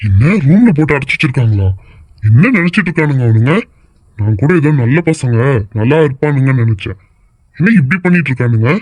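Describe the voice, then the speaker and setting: A performer voicing a worried, protective middle-aged father in an animated cartoon, asking alarmed questions and growing indignant. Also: medium pitch, quick pace, no echo, close to an everyday voice.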